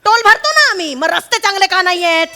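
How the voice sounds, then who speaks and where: An actress playing a bossy, fed-up middle-class woman in a stage comedy sketch, scolding with loud, rapid-fire questions. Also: extremely high pitch, animated, exaggerated voice. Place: TV studio stage.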